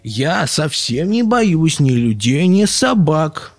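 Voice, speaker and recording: A man's voice: medium pitch, lively intonation, moderate pace, husky, no room sound, faint music behind, voice pushed up. A man voicing a hungry, fearful young male fox in an audiobook, whiny and stammering. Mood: scared. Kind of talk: audiobook storytelling.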